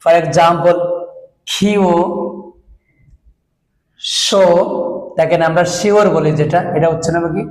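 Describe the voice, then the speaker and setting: A man's voice: on the high side, slow pace, long pauses. A man teaching English pronunciation in a lecture, repeating each example word as he drills the sounds. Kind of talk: classroom lecture. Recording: echoey room.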